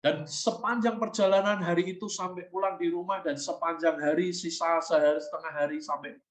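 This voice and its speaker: A man preaching a sermon. He tells a personal story with animated delivery and acts out the conversation with his child. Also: on the high side, brisk. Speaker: pastor. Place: church hall. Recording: echoey church hall.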